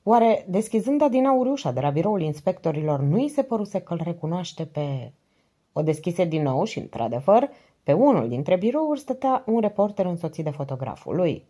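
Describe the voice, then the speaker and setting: A woman narrating an audiobook in a calm, measured reading voice. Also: on the low side, breathy edge.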